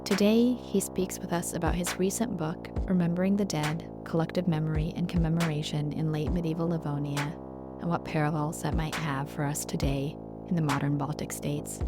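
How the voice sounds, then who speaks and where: A woman's voice: low-pitched, steady tone, a little fast, loud music behind the voice. A woman hosting a podcast interview, introducing her guest and asking questions in an encouraging way. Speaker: podcast host.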